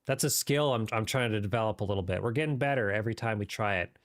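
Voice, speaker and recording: Man, lowish voice, game streamer, casual livestream chat, rambling off-the-cuff riffing. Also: quick pace.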